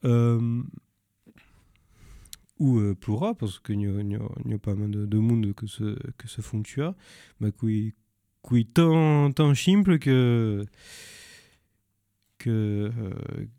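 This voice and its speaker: Slow, halting man searching for words. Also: on the low side, dark tone, no room sound, studio quality. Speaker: film presenter. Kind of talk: informal spoken film recommendations.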